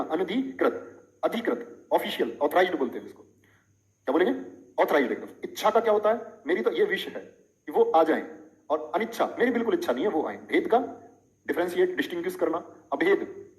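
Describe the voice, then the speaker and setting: A middle-aged male teacher runs a live online lesson, chatting with his students in a teasing way and constantly tossing out questions and playful examples. His voice sits slightly higher than most men's, and the recording is rough.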